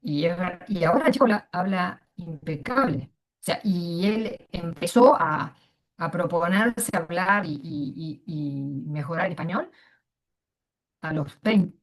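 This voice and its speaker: Argentine woman, middle-aged, panel speaker: thoughtful, halting delivery with restarts. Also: fairly low pitch. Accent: Argentine Spanish. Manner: hesitant, many fillers and restarts. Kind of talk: casual personal testimony.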